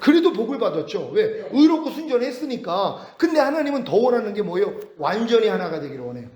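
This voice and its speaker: A man giving a sermon-style Bible lecture, animated, often chuckling and asking rhetorical questions. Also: sits high, quick pace. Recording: roomy echo.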